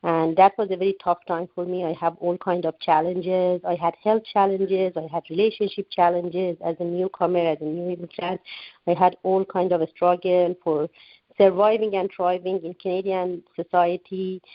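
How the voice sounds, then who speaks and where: This guest author, an Iranian woman in her forties, talks to a radio interviewer by phone, and the line sounds dull and lo-fi with no room sound. She speaks at normal speed in a lowish, flat voice, earnestly, with many fillers and restarts.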